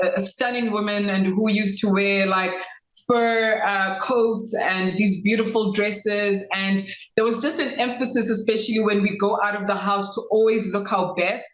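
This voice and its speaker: A South African woman in her thirties, a lawyer telling her life story in a measured, reflective way. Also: medium pitch, steady tone, reverberant, rough recording. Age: 30s. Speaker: guest lawyer. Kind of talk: interview conversation.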